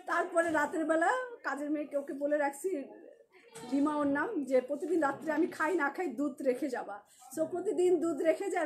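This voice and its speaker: Bangladeshi lady showing off dresses on a live stream from her shop, high voice, jokey and chatty. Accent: Bangladeshi Bengali. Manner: chatty and joking, greets viewers by name. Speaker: clothing shop owner selling on a live stream. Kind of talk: live-stream sales chat with viewers. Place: clothing shop.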